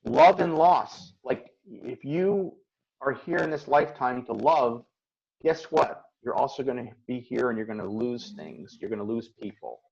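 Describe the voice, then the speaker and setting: A man's voice: medium pitch, expressive, unhurried, gravelly, darkish tone, lo-fi sound. A man hosting a motivational call, talking in an earnest, reflective way and acting out his own inner voice. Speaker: host and coach. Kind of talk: casual motivational talk on a call.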